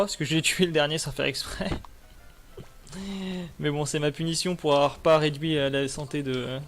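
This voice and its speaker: A young man wrapping up a live stream in casual chat, rambling with many fillers and restarts. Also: on the high side.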